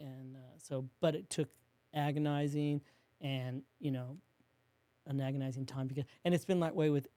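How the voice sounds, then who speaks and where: A man, a business co-owner, telling a rambling story in an interview and acting out quotes in a hushed voice. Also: mid-range voice, dry recording. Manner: rambling, with many restarts and fillers.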